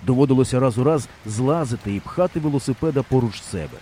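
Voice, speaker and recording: A man narrating an audiobook in an expressive storytelling manner. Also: medium pitch, fast, slight background noise. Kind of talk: scripted narration.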